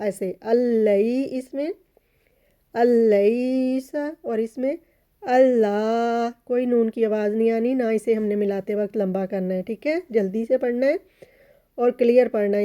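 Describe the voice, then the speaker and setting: A woman teaching recitation rules patiently, repeating each point and chanting the Arabic words in long, drawn-out tones. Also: medium pitch, dark tone. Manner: patient, repeats each word slowly and often says "theek hai". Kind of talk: step-by-step tajweed lesson.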